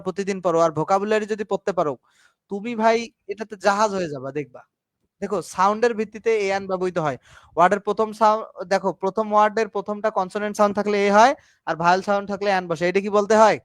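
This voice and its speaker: A male English teacher with a Bangladeshi Bengali accent delivers an online class lecture in a voice that sits high, recorded dry with studio quality. He explains slowly, works English grammar terms into his talk, and keeps asking students whether they follow.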